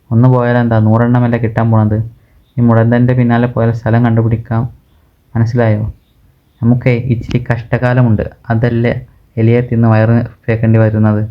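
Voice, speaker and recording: A scheming, hungry male jackal from a comic book, coaxing his partner in a sly, lecturing way, as a man reads him. The voice stays flat in pitch. The audio is dull and muffled. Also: close to an everyday voice. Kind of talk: comic book read-aloud.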